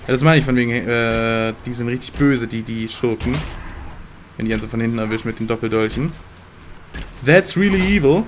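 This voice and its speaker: Young gamer dude, slangy, gets excited, chats to the game, faint hiss. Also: male voice, medium pitch, quick pace. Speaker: let's play gamer. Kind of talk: casual gameplay commentary.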